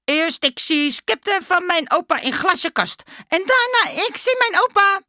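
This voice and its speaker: An eager little mummy boy chatters in broken grammar, high and bright, as a woman reading aloud puts him on. His voice leaps up and down with excitement. The sound is close and dry. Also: unhurried, no room sound, heavily acted.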